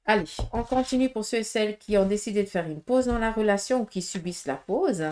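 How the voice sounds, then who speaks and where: A woman's voice: medium pitch, brisk, a little mellow, a little hiss or hum. A woman with a Swiss French accent giving a casual tarot reading to viewers, talking in a direct, frank way with many fillers and tag questions. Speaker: tarot reader.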